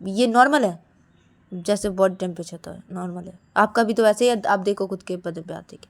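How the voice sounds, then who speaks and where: A woman voicing a flustered young man who keeps begging two quarreling women to calm down. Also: medium pitch, fairly quick, natural voice. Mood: pleading. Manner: pleading, repeats calls to calm down.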